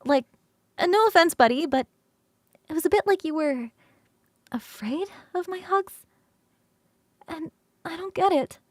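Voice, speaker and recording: In a scripted ASMR roleplay, a woman streamer plays a high, girlish, young-sounding succubus roommate who is affectionate, playful and eager to cuddle. Recorded close and dry, she coaxes the listener with expressive, halting delivery, sounding hurt and puzzled.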